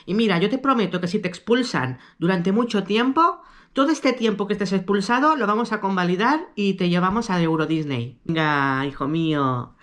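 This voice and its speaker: A woman's voice: mid-range voice, moderate pace. A woman in a comedy sketch, playing a doting mother who fusses over her son and grows indignant on his behalf. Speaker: comic actress playing an indulgent modern mother.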